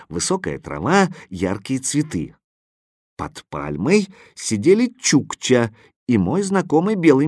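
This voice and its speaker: Brief: lively male audiobook narrator, very animated intonation, dry close sound. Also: lowish voice, dry recording. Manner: expressive, first-person boy narrator.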